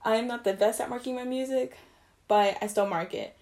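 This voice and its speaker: A young woman's voice, on the high side and a little mellow, comes at a slightly fast clip. She's a trumpet player teaching the basics of articulation in a casual video, chatting, self-correcting, and giving loose explanations.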